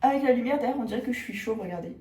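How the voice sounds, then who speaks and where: Racing along in a fairly high voice, a young vlogger chats casually with self-mocking humor and hesitant, trailing asides. She's filming on a phone held at arm's length around her apartment and city streets, and the audio comes through echoey with a faint hum.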